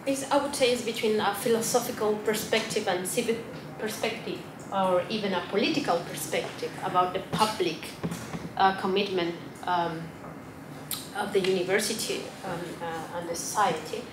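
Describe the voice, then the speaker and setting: A woman's voice: mid-range voice, steady tone, moderate pace. Hesitant Chilean woman presenting in a hall. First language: Spanish. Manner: hesitant, many fillers and restarts. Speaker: academic panelist. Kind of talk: symposium presentation. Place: conference room. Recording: echoey hall with noise.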